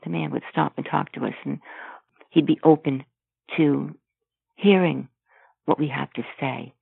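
A woman with a very low, gravelly voice tells what she has seen while counseling outside a clinic. She speaks earnestly and restarts her sentences often. Her voice comes through a tinny, phone-like line with a dry, close sound. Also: steady tone, dry recording. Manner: earnest, with frequent halting restarts. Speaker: pro-life sidewalk counselor. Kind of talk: recounting experiences in conversation.

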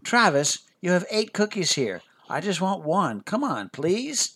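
A man's voice: sing-song, a little slow, a bit bright, husky, heavily acted. A man voicing a ten-year-old girl who pleads and sulks in a storybook tale. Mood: pleading. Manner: whiny pleading, raised pitch.

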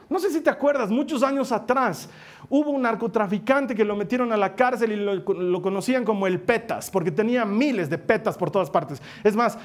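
A man preaching a sermon as a pastor, emphatic, slowing down dramatically and dropping to a soft voice on key phrases. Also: sits high. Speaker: pastor and coach.

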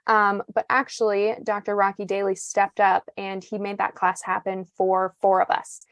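Speaking at a moderate pace in a mid-range voice that barely moves in pitch, a journalist in her twenties shares her story on a casual podcast, with no echo around her. She's talkative and musing, with plenty of fillers and restarts.

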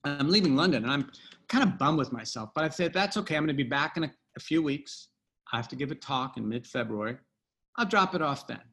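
A middle-aged man, a guest on a casual interview, tells a personal anecdote fast and animatedly in a medium-pitched, fairly bright voice. He rambles, with fillers and restarts.

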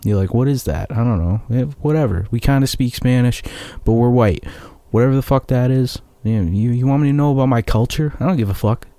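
A man's voice: medium pitch, fairly quick, warm tone, dry recording. A young American man, a musician, rambling through a profane, sarcastic casual monologue. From United States.

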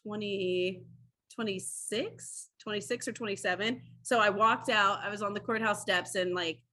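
A woman's voice: mid-range voice, normal speed. A woman in her thirties, a former defense attorney, telling stories in a casual interview, acting out quotes with lots of "like". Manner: animated storyteller, acts out quotes, many "like"s.

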